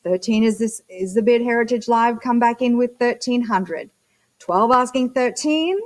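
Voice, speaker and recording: A woman's voice: on the high side, normal speed. A woman working as a live auctioneer, chanting bid numbers and prompts between short descriptions of the lots.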